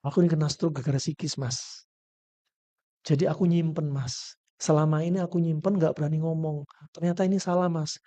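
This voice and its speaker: A man voicing a gentle wife who quietly pleads with her husband, coaxing and soft, in a dull lo-fi lecture recording. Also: a little high, fairly even intonation, brisk, pauses often, no room sound, natural voice. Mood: gentle pleading.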